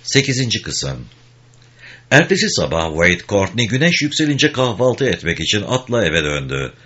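A man narrating an audiobook with expressive storytelling. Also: low voice. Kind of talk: scripted narration. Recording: dull lo-fi recording.

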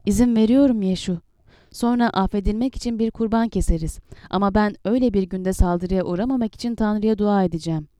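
Tired old leader of his people, soft and troubled, woman reading it, dark warm voice. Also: mid-range voice, fairly quick, no room sound, studio quality, lightly acted. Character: weary aging male leader of his people.

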